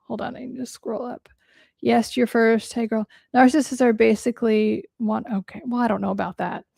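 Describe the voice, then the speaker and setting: Woman livestream host, gravelly higher voice, dry close sound, blunt and swearing, voice a bit worn. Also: moderate pace, dry recording. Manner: blunt, animated, swears freely. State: voice cracking a little from talking all day. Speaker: therapist answering viewer questions on a livestream. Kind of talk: casual livestream talk.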